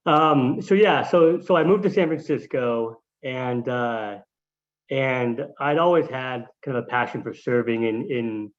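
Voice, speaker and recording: A man's voice: medium pitch, measured pace. A man answering as a guest in a casual interview, hesitant and often restarting his phrases, heard over dull lo-fi audio. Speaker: guest, volunteer.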